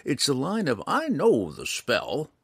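A man voicing a stern, gruff male woodland hermit who scolds in a raised, high voice. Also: wildly swooping pitch, a little slow, a bit bright, no echo, studio quality, exaggerated voice. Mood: scolding.

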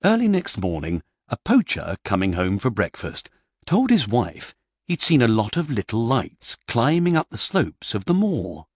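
A man narrating a children's storybook in an expressive way, dropping to hushed pauses for drama. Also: mid-range voice, slightly rough, no echo, studio quality.

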